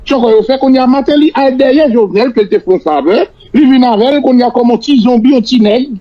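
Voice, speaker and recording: A Haitian man, native in Creole, giving political analysis and mixing French with Creole, often repeating words haltingly as he builds a point. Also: very high-pitched. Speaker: political commentator. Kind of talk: political analysis on a talk show. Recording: dull lo-fi radio-like audio.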